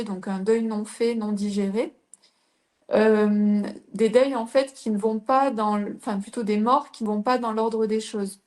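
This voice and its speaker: A middle-aged woman from southern France, speaking in a medium-pitched, dark-toned voice, gives a live talk as a coach. She explains her points by putting rhetorical questions to her listeners.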